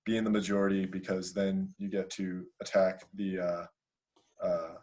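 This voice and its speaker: A man's voice: low-pitched, little pitch movement, moderate pace, darkish tone. A man hosting a casual podcast, joking around with friends and rambling through lots of filler words. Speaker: podcast host.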